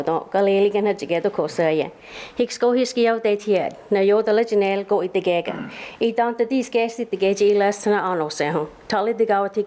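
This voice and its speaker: A woman's voice: mid-range voice, warm tone. Woman in her fifties giving thanks. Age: 50s. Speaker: bike rider introducing herself.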